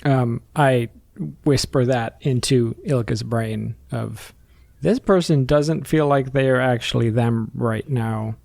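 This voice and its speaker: Male game player, gravelly fry, middle pitch, casual chat, dry sound. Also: slow, a little mellow, dry recording.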